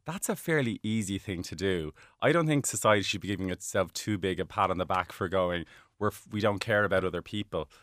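A man giving his opinions in a measured, conversational way as a panel guest. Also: low voice, a bit bright, a little hiss or hum.

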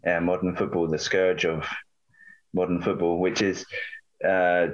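A man's voice: low voice, level tone, unhurried, lo-fi sound. A man in his late thirties from England with a southern English accent, a book author talking over a remote line, rambling with frequent restarts and self-corrections. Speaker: author and guest. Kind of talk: remote interview chat.

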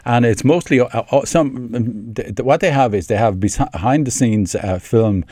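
A man's voice: mid-range voice, normal speed, warm tone, no room sound. A man talking as a film critic guest on a radio show, explaining at length with many fillers. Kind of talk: radio interview. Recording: dry studio sound.

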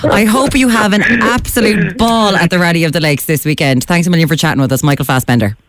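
A woman's voice: on the low side, fast talker. A woman with an Irish accent hosting a casual radio interview in an informal, jokey, enthusiastic way. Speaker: radio host.

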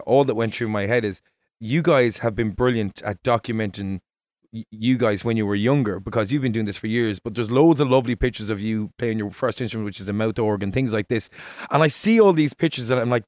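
A man's voice: lowish voice, a little fast, no echo, studio quality. A man with an Irish accent hosting a conversational radio interview in a chatty, complimentary way. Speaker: radio host.

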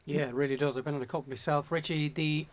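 Higher-voiced male podcast host. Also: fairly even intonation, fast. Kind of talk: casual sports podcast presenting. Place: radio studio. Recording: studio with faint background noise.

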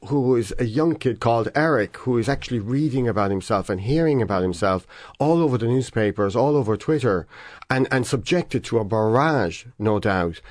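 A man's voice: mid-range voice, a little mellow, no echo, studio quality. A man from England, a panel guest who talks thoughtfully and hedges as he goes. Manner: thoughtful, hedging restarts. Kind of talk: casual panel discussion.

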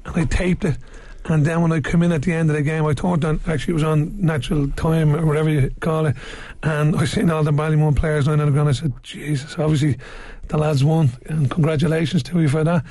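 A man's voice: fairly high pitch, steady tone, a little fast, few pauses, dark tone, dry recording. An Irish-accented man talking casually as a guest on a sports panel. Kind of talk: casual chat.

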